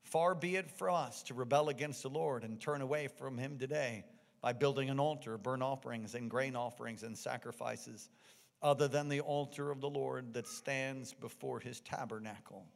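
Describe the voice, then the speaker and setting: A man's voice: medium pitch, moderate pace, creaky. An American man preaching a sermon to a congregation. He reads scripture, prays, and repeats key words back as questions to the crowd. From United States. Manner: emphatic preaching, repeats lines and quizzes the congregation. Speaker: pastor. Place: church sanctuary. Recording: reverberant church hall.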